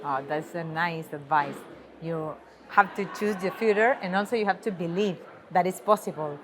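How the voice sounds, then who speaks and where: A woman from Chile with a Chilean Spanish accent, interviewing a guest in English and pausing thoughtfully to find her words. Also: on the low side, slight background noise. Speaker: interviewer, TV journalist. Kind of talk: conference interview.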